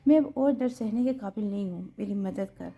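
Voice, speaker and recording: A woman's voice: medium pitch, warm tone, lo-fi sound, close to an everyday voice. A woman voicing a distraught young pregnant wife who speaks in a pleading, tearful way. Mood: prayerful.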